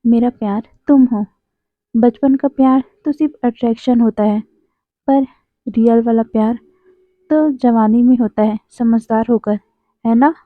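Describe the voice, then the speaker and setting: A woman voicing a possessive young man who keeps pleading his devotion, in a fairly high voice. The sound is tinny and phone-like, with no room echo at all. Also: unhurried, lightly acted. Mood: tender. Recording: dry, tinny phone-like audio.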